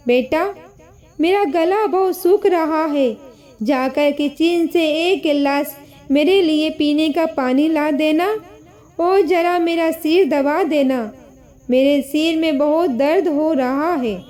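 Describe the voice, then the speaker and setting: A bitter young daughter-in-law shouts her complaints in a high, sharp voice, as a woman narrator puts her on. She sounds accusing and fed up, a storybook scold who spits every word. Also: slow pace. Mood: weak, pleading.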